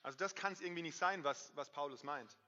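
Lively male preacher in a reverberant hall. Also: fairly high pitch, fairly quick. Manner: lively, swings between loud emphasis and quiet asides. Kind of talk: sermon. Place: church hall. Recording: dull, reverberant hall sound.

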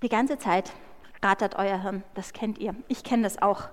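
A woman preacher giving a sermon, retelling the story in a lively way and speaking directly to her listeners. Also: medium pitch, a little slow, in a large hall.

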